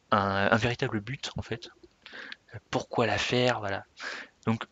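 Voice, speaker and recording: Gravelly bright-toned young French-speaking man. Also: lowish voice, no echo, highs cut off. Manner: rambling, self-correcting, laughs at himself. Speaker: Minecraft server player introducing himself. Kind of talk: unscripted casual vlog talk.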